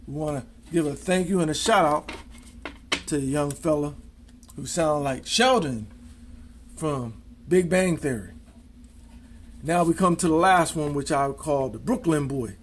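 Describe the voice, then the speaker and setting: A man's voice: on the high side, measured pace, long pauses, a little hiss or hum. A man casually demonstrating card tricks, counting cards aloud in easygoing, folksy showman patter.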